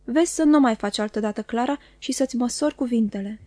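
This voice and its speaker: A woman reading the part of a cold, stern man who speaks slowly and gravely, with commanding authority. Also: a little high, a little mellow, no room sound, natural voice. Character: stern, cold middle-aged man, harsh stepfather.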